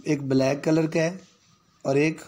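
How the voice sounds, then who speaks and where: A man teaching children to read Arabic letters, calling out each sound slowly for them to repeat. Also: fairly high pitch, little pitch movement, mellow. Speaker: Quran reading teacher. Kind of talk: call-and-response phonics lesson.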